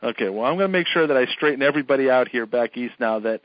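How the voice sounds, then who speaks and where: A man hosts a casual podcast interview, chatty and quick to joke. The sound is dry and close, with a slightly dull top end. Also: mid-range voice, no room sound. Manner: chatty, joking, laughs often. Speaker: podcast host.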